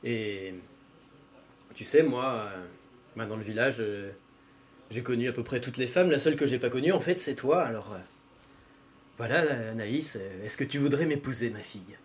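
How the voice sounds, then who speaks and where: A man voicing a sly middle-aged village father who talks low and hesitantly. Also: normal speed, pauses often, a little hiss or hum, lightly acted. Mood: coaxing.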